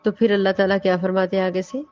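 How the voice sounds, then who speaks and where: A woman lecturing on scripture in an easy, conversational manner, reciting verses and slipping in English words. Her voice sits at a middle pitch. The recording is muffled and lo-fi, with soft music faintly in the background. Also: flat delivery. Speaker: Quran teacher. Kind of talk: religious lecture explaining scripture. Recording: dull lo-fi audio with faint music.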